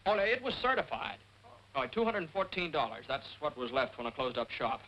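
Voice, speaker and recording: Mild awkward young fella, 40s screwball comedy banter, bright voice, polite and hesitant, bit of old film noise. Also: male voice, a little high, big pitch swings, a little fast, lo-fi sound. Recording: faintly noisy 1940s film soundtrack.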